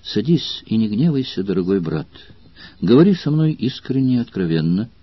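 A man with a husky voice reading the lines of a passionate noble Roman woman in an audiobook, soft and anxious, often near a whisper. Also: lowish voice, big pitch swings, moderate pace, no room sound, muffled recording. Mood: commanding.

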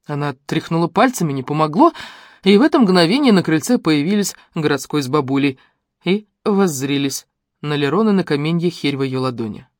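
Lively expressive woman narrating an audiobook. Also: sits low, brisk, no echo, clean studio sound. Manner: expressive storytelling with lively intonation. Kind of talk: scripted narration.

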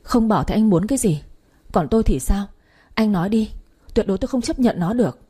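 A woman voicing a betrayed young wife who demands answers in a shrill, strained voice, husky underneath. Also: lively intonation, brisk. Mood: desperate. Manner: shouting, demanding. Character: wronged young wife, furious and desperate.

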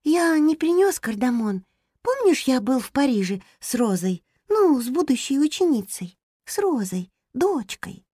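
A woman voicing a small, gentle and patient male hamster who speaks tenderly. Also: high-pitched, very animated, a little slow, husky, no room sound, studio quality, pitched above the performer's own voice, full character voice. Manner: soft, tender, as if to a sick person.

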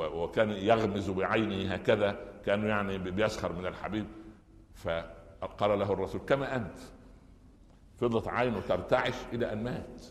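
A man with an Egyptian Arabic accent delivers a Friday sermon in a fairly low voice. He tells his stories with animated emphasis and often restarts a phrase. His voice rings out in a large hall with a long reverb. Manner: animated storytelling, stressing key phrases, frequent restarts. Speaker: preacher.

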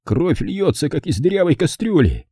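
A man doing a wounded older frontiersman, his voice husky and worn as he faces death. He speaks in weak, halting phrases with a wide swing of pitch. The sound is close and dry. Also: sing-song, warm tone, no room sound. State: dying, coughing. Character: dying older frontiersman uncle, gruff and stoic.

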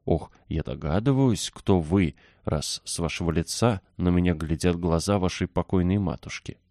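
A man voicing a gruff old male gardener in a storybook reading, hoarse and wheezing. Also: sits low, normal speed, dark tone, no room sound, clean studio sound. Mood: stunned. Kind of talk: audiobook character voice.

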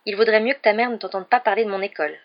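A woman's voice: medium pitch, steady tone, rapid-fire, voice pushed up, lightly acted. A woman reading a storybook aloud, voicing a defiant boy wizard with a dry, cutting manner. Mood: sarcastic. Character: sharp-tongued boy wizard, cold and defiant. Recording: dull lo-fi recording.

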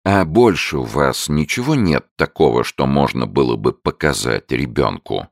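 Guy doing a plain earnest dad, low gravelly voice, talking to his kid. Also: animated, moderate pace, no echo, clean studio sound, exaggerated voice. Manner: instructive, plain speech. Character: middle-aged father, plain and earnest.

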